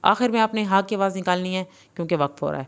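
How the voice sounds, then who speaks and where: A woman teaching Quran reading in a recorded lesson, spelling out syllables slowly and blending them, with quicker plain explanations of the rules in between. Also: mid-range voice, clear, resonant tone.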